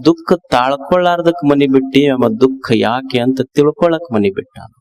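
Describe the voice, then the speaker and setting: A man with a North Karnataka Kannada accent giving a sermon as a swamiji, slow and emphatic, repeating key phrases. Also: mid-range voice, a little mellow. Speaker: swamiji preacher.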